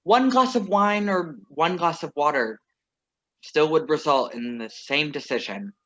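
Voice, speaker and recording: A young man reads the part of a famous, restless young singer in a virtual staged reading, using a wry, teasing delivery. His voice is a little high and fairly bright, with lively intonation and a measured pace. The video call audio is muffled and lo-fi.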